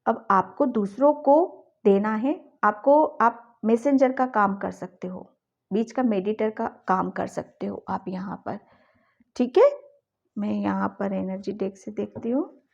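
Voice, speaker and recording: In a gravelly, slightly mellow voice of medium pitch, a woman reads tarot for her viewers at a measured pace. Her manner is encouraging and gentle, and she keeps checking in with "ठीक है" at the close of her thoughts. The audio sounds dull.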